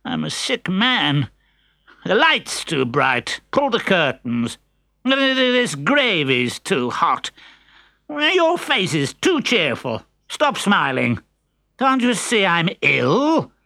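A man voicing a grumpy old miser who claims to be sick, whining and complaining in a raised pitch. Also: wildly swooping pitch, slow, gravelly, bright, forceful tone, no echo, clean studio sound, exaggerated voice. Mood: grumbling. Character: grumbling old male miser, hypochondriac.

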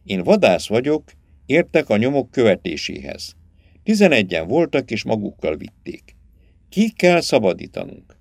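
A man voicing a sharp-eyed young hunter who reports what he finds in short, urgent bursts. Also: mid-range voice, sing-song, gravelly, no room sound. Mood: determined.

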